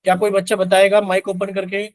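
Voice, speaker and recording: High-voiced man teaching an online math class. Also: completely flat delivery, fast, no room sound. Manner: asks students questions constantly, voices their replies as "sir".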